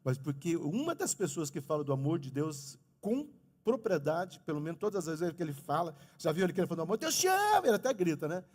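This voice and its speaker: A middle-aged man preaching a lively sermon as pastor in a church, speaking to the congregation. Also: on the high side, fairly quick. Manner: animated preaching, talks of his own stutter. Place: church sanctuary. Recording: long reverb of a church hall.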